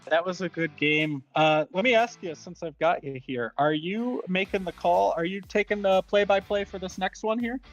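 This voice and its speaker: A man's voice: high voice, normal speed, hardly any pauses, muffled recording, faint music behind. A man hosting a live sports broadcast as play-by-play announcer, casual and chatty, with a self-deprecating way of talking.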